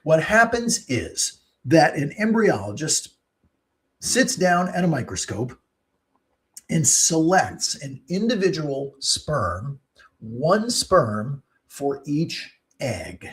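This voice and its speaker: A man's voice: fairly high pitch, very animated, takes it slowly. Chatty male doctor explaining fertility. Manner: chatty, explanatory, lots of ums and uhs. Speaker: fertility doctor hosting a live show. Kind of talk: live-streamed Q&A talk.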